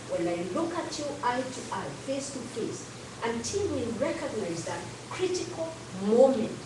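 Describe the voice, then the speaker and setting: A woman from Kenya, an educator and activist, giving an earnest public talk with frequent fillers. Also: a little high. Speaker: guest speaker, educator and activist. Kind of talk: public talk to a community audience. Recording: echoey hall, distant mic, background noise.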